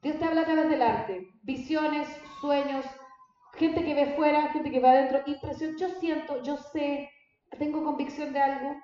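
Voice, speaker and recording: A woman's voice: high voice, fairly even intonation, normal speed, mellow. A woman pastor, teaching her congregation in a conversational way and often asking them questions. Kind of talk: church teaching talk. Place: church hall. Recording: very echoey church hall, dull sound.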